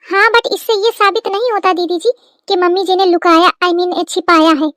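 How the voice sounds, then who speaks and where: A woman's voice: extremely high pitch, steady tone, moderate pace, fairly bright tone, no echo, clean studio sound. A woman voicing a prim young daughter-in-law in a cartoon, sprinkling English into polite Hindi. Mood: reasoning. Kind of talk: cartoon comedy voice acting.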